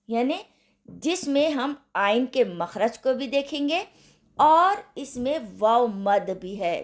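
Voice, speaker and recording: Slow, patient woman teaching recitation. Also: fairly high pitch. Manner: patient, repeats sounds syllable by syllable for practice. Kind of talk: slow online tajweed lesson.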